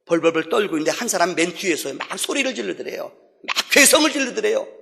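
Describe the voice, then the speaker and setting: A man pastor preaching a sermon, telling stories with bursts of shouting and soft low drops. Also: quick pace, creaky. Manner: animated storytelling, shouting at peaks then dropping low. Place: church sanctuary. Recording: reverberant church hall.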